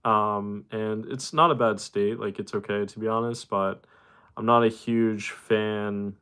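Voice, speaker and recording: Young man chatting on a livestream, smooth voice. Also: on the low side, measured pace. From Boston, Massachusetts. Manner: relaxed, rambling, many fillers, greets chatters. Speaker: livestream host. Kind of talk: casual livestream chat reading viewer comments.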